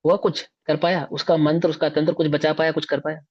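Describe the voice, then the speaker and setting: A man's voice: fairly high pitch, little pitch movement, a little fast, a little mellow. Emphatic male scripture teacher, lo-fi. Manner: emphatic, rhetorical questions to listeners. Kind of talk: religious discourse lecture. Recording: dull lo-fi recording.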